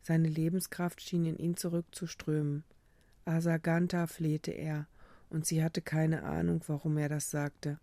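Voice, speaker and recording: A narrator reading a dramatic story aloud in a steady, even way. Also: mid-range voice, measured pace, vocal fry, no room sound. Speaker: audiobook narrator. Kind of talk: scripted narration.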